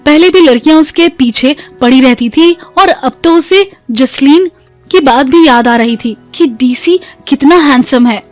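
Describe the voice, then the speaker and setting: A woman narrating a family drama story in a steady storytelling manner. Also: high voice, measured pace, soft background music.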